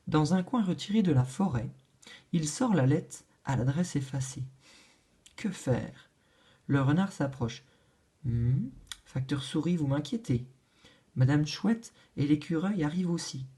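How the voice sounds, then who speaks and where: A woman reading a children's story aloud in a gentle, expressive way. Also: deep voice, normal speed, slightly rough.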